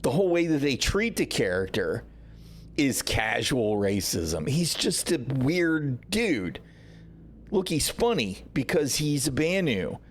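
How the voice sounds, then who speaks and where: A man's voice: mid-range voice, big pitch swings, slow. A man hosting a gaming livestream, ranting casually with sarcasm and frequent swearing. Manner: frustrated, sarcastic, swears often. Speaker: livestream host.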